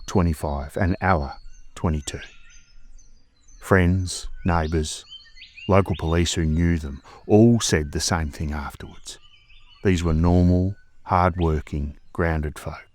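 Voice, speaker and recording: This is a scripted mystery story, narrated by an Australian man hosting a podcast, his voice sitting low and a little mellow. He tells it in a measured, dramatic way.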